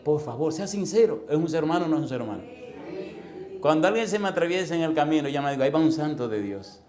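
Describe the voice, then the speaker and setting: A man preaching a sermon as a pastor, telling stories animatedly and acting out voices and sounds, with forceful emphasis. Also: fairly high pitch, lively intonation, fast, echoey room. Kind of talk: storytelling sermon.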